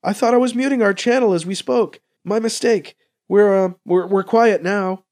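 A man voicing an eager young male officer who is excitable and quick to argue. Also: sits high, pitched above the performer's own voice, close to an everyday voice. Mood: protesting.

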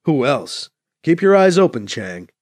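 B C: a man doing a stern, measured commander. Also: mid-range voice, sing-song, darkish tone, no echo. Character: steady, cautious male commander.

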